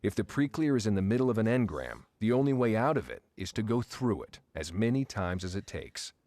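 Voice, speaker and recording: A man giving a scripted instructional narration, explaining each step clearly. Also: lowish voice, sing-song, fairly quick, darkish tone, no echo.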